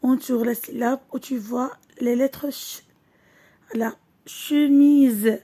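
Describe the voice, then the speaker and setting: A high-pitched woman teaches a classroom lesson at a slow, careful pace. Her voice is soft and mellow. She repeats each word and moves between French and Arabic as she explains. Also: flat delivery, breathy edge.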